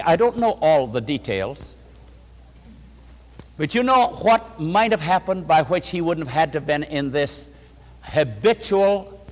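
A man's voice: fairly high pitch, in a large hall. A male preacher giving an emphatic sermon, calling his listeners friends and leading them through verses together.

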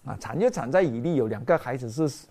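A woman preaching a sermon in an animated storytelling way, acting out voices and dropping in English phrases. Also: extremely low pitch, a little fast.

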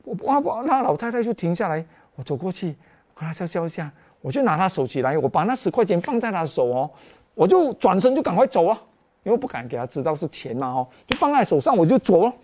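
Lively male storyteller. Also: high-pitched, fast. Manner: lively, emotional, with many filler particles. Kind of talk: personal testimony storytelling.

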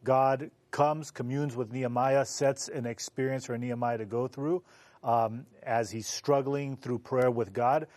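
A man's voice: medium pitch, steady tone, a little slow, a little mellow, no room sound. A man on a Bible study panel, earnestly retelling the story behind a scripture passage with some fillers. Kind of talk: explaining scripture background.

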